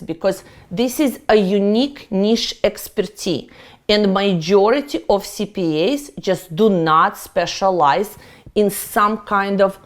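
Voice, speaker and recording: A middle-aged woman from Russia with a Russian accent, a tax accountant giving a playful, emphatic lecture. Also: medium pitch. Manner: playful, self-mocking, emphatic. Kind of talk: presenter lecture to camera.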